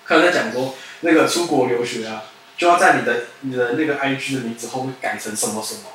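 A young man from Taiwan, chatting rapidly on a podcast and often cutting in with quick agreement. His voice is bright and mid-pitched. The recording sounds distant and strongly echoing, with faint background noise. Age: young adult. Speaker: podcast co-host. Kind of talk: casual chat. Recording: echoey room, mic far off, faint noise.

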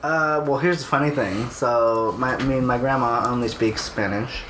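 A man's voice: medium pitch, normal speed. Casting: young male podcast co-host, Californian accent, casual slangy storyteller, echoey room sound. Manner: slangy, sweary. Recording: roomy echo, faint background noise.

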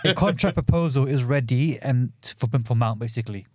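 A man's voice: medium pitch, fairly quick, no echo. A young man with a London roadman accent, chatting about football in a slangy, insistent way. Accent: London roadman, multicultural urban slang. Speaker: football podcast co-host. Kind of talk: casual football banter.

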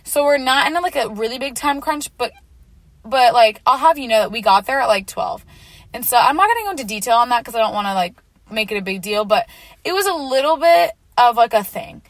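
Teen girl rambling thru a storytime, highish voice, super dry close sound. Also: brisk, dry recording. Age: teens. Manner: chatty and animated, lots of "like" fillers. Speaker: vlogger telling a personal story. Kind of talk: casual storytime chat.

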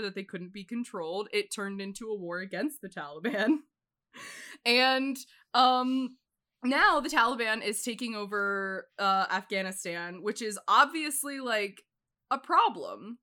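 American woman, podcast host, casual chat, swears a lot, bright forceful voice, a bit high. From United States. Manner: blunt, swears freely, rambling asides.

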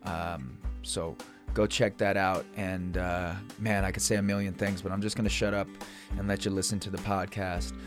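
A man hosting a podcast, talking in a relaxed, loose way with many fillers and restarts. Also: low voice, moderate pace, music in the background. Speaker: podcast host. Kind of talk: casual podcast chat.

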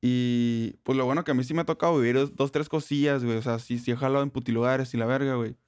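A man's voice: medium pitch, fairly even intonation, fast talker, clean tone, dry recording. Slangy young northern Mexican man, dry recording. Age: young adult. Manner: profane, heavy street slang. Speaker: interview guest. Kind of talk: casual slangy chat.

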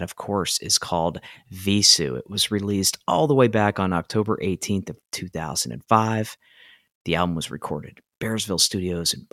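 A man hosting a music podcast, reading a measured introduction and then chatting easily with his guest. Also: low-pitched, creaky, no echo, clean studio sound. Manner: measured scripted intro, then relaxed chat. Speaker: podcast host. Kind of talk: podcast interview.

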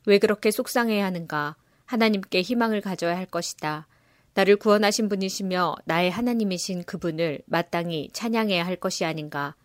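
A woman giving a measured, solemn scripture reading. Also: mid-range voice, no room sound, studio quality. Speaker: scripture reader.

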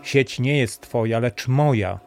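A greedy, menacing rich boat owner, put on by a male narrator, scolding loudly in a harsh, raised voice over faint music in a storybook reading. He sounds grasping and impatient. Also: mid-range voice, slow, gravelly. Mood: angry, scolding.

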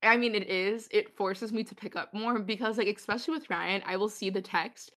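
A woman's voice: medium pitch, fairly even intonation, a little fast, a bit bright. A young woman hosting a podcast, chatting casually with friends in a bubbly, giggly way. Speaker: podcast host.

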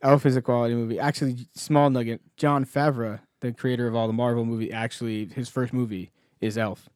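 A man's voice: mid-range voice, flat delivery, fairly quick, darkish tone, clear, resonant tone, no echo, studio quality. A man hosting a podcast, talking sports in a casual, conversational style. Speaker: podcast host.

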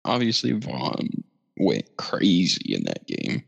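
A man's voice: low voice, huge pitch swings, slow, creaky, slightly rough. A man co-hosting a casual sports podcast, laid-back, swearing and laughing as he talks. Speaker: podcast co-host. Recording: roomy echo, dull lo-fi sound.

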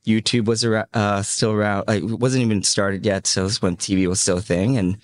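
A Hong Kong-raised man in his thirties, a media entrepreneur, appears as a podcast guest recounting his life story. His voice is lowish and steady, and he talks casually and haltingly, peppering his speech with "um" and "you know."

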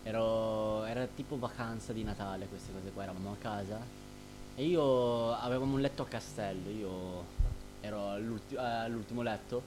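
A young man in casual podcast chat, speaking in a halting, slangy way. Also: on the low side, over music. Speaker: podcast co-host. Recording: noisy with a steady hum.

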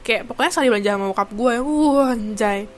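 Fast-talking young woman vlogging. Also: fairly high pitch, a little hiss or hum. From Indonesia. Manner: chatty, lots of fillers and English mixed in. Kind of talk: casual chat to camera.

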